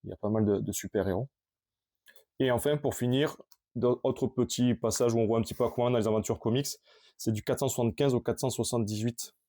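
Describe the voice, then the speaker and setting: A man casually showing his collection on camera, talking in a halting, rambling way with many restarts. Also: mid-range voice, warm tone.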